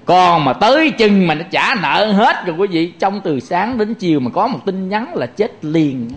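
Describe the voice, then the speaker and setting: A man's voice: sits high, big pitch swings, normal speed. A man, a Buddhist monk giving a chatty, joking sermon to lay followers and turning to address them again and again.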